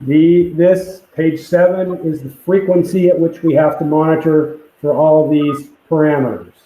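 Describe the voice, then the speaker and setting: A man's voice: a little high, fairly even intonation, normal speed, dark tone. Muffled man, voice like through a pipe. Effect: muffled, as if talking through a pipe. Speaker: site presenter at a public conference call. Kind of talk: technical briefing reading from a permit. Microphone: computer mic on a call. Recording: echoey, muffled call audio.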